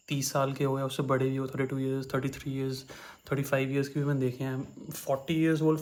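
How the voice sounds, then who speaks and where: A man's voice: a little high, darkish tone. A young man speaking with an Indian accent gives casual advice on cabin crew interviews, mixing Hindi and English with many fillers. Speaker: former cabin crew giving interview tips.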